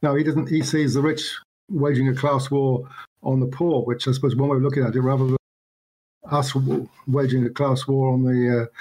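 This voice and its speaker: A man chairing a casual group discussion over an online call, talking haltingly and repeating words while his audio keeps breaking up and cutting out. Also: mid-range voice, little pitch movement, darkish tone, poor audio. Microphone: remote call connection.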